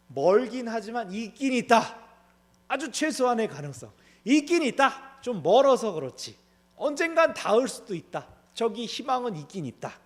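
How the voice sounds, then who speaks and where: A man pastor preaching an expository sermon in a conversational way. He asks rhetorical questions and acts out the characters' lines in dramatized voices. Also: sits high.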